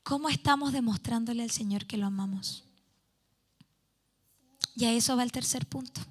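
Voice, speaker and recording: A woman's voice: fairly high pitch, normal speed. A woman preaching a youth sermon in church, reading scripture aloud and explaining it earnestly. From Chile.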